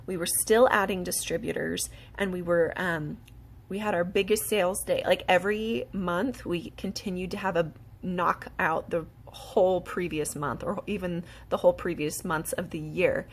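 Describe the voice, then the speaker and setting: A woman giving a casual, eager sales pitch to the camera, talking fast between fillers and little laughs. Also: fairly even intonation. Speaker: beauty product distributor.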